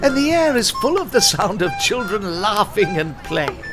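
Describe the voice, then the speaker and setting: A man giving scripted narration for a children's cartoon in a measured storybook manner. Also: high-pitched, sing-song, music in the background.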